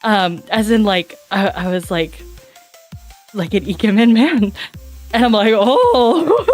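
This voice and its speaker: A woman streamer in casual chat, bubbly and giggly, her voice raspy and hoarse from a week of coughing. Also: medium pitch, animated, unhurried. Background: faint background music.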